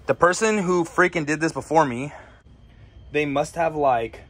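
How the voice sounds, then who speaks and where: A man's voice: on the high side, unhurried, husky. A young man chatting casually to his viewers in a vlog, recorded outdoors beside a car on a hot day with a handheld camera. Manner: relaxed, chatty, addresses viewers as "boys". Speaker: car vlogger.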